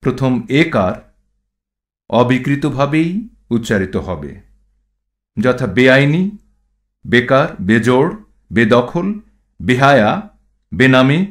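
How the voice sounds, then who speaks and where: A man teaching standard pronunciation, reading rules and example words one at a time in a measured recitation. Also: medium pitch, animated. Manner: measured, reads rules and word lists one item at a time. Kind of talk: slow instructional recitation.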